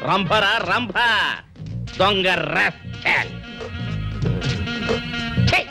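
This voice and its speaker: A boastful, hot-headed comic tough in a movie, his voice fairly high and swinging up and down wildly as he scolds, swears and jeers. Film music plays clearly behind him. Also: lively intonation, extremely slow, exaggerated voice. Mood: gloating. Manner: scolding, swearing, mocking outbursts. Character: boastful comic local tough man, quick-tempered. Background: film score.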